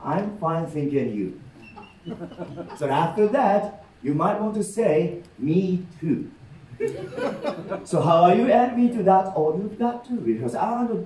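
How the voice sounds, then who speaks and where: In a meeting room, a middle-aged man with a Japanese accent, a rakugo storyteller, shares comic tales live, animated and warm, explaining with gestures and regularly asking "okay?" His voice is fairly high, with slight background noise and the roomy sound of a distant audience camera.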